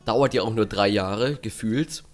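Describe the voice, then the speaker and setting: A man's voice: on the low side, measured pace, faint music behind. Man casually commentating a game. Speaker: let's player.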